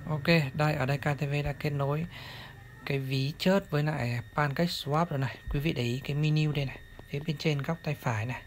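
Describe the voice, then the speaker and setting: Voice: mid-range voice, quick pace. A channel host gives step-by-step narration for a screen tutorial. The host speaks politely, addresses viewers formally, and points out each step on screen. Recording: clear steady background noise.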